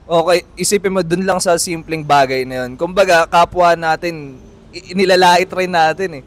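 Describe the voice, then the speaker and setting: A man hosting a casual podcast outdoors, telling a personal story in a lively, animated way with many fillers and restarts. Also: sits high, normal speed. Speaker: podcast host. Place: outdoors on a city street.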